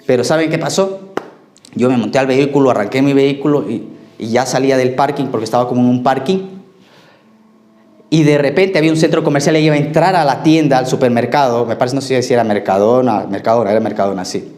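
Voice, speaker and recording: A man's voice: medium pitch, quick pace, a little mellow. A man preaching a sermon as pastor, telling stories and asking his congregation questions. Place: church. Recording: echoey church hall.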